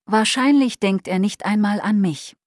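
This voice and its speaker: A woman's voice: mid-range voice, moderate pace, no echo, clean studio sound, lightly acted. A woman voicing a remorseful, lonely old man in a Christmas storybook, speaking with sad regret. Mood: regretful. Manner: sad, regretful, softly pleading.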